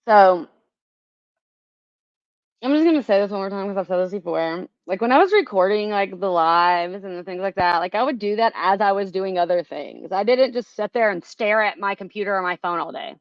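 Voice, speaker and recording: A woman's voice: mid-range voice, lively intonation, moderate pace, long pauses, dry recording, lo-fi sound. A woman vlogger talking casually to her viewers, frustrated and rambling, swearing often and filling gaps with "like". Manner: frustrated, swears a lot, rambling with many fillers.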